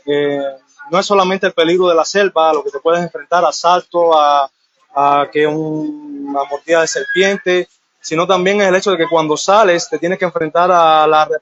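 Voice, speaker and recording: A man's voice: fairly high pitch, a bit bright, no echo. Earnest man from Cuba, outdoors. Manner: earnest, halting with fillers. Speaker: interviewee. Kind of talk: live street interview. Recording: muffled live field audio.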